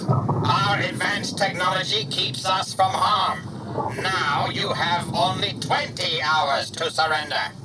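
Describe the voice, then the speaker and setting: A man voicing a menacing alien invader with a cold, booming, metallic-sounding delivery. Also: fairly even intonation, takes it slowly, distant mic, very noisy.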